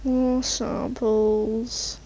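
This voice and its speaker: This woman's voice is on the high side and mellow, with little pitch movement and an extremely slow pace. As a channel host she rambles casually over her gameplay, hesitant and wandering while thinking out loud, through a muffled mic with faint background noise and typing on a keyboard.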